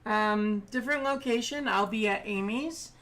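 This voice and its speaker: A woman's voice: on the high side, moderate pace, fairly bright tone. A woman streaming as she paints miniatures, chatting casually with many ums.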